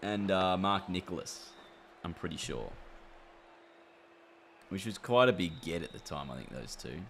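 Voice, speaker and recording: A man's voice: low-pitched, lively intonation, measured pace, fairly bright tone. A man chatting casually on a gaming livestream, reacting aloud to play and answering chat. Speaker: gaming streamer. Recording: clear background noise.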